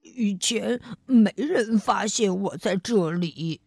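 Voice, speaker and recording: A woman's voice: medium pitch, slow, a little mellow, no echo, clean studio sound, pitched below the performer's own voice. A woman voicing a big, timid male green monster in a children's storybook, stammering and hesitant. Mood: shy grateful. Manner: stammering, hesitant with many filler sounds.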